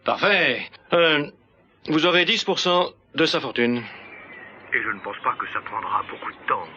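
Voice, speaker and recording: An actor playing a busy official on the phone in a dubbed TV soap, brisk and businesslike. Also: male voice, mid-range voice, lively intonation, bright, forceful tone. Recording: dull, noisy phone-scene sound.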